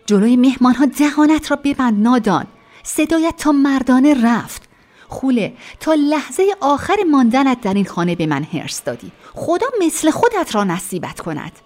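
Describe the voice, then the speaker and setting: Harsh scolding matron, high lively voice, woman acting, audiobook drama. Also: close to an everyday voice. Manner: sharp, scolding, contemptuous.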